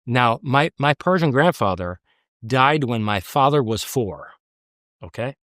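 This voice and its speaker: An American man guests in a conversational interview, talking a little slowly in an animated, mid-range voice with a bit of brightness. His manner is earnest and emphatic, though he often restarts. The recording is clean studio sound without echo.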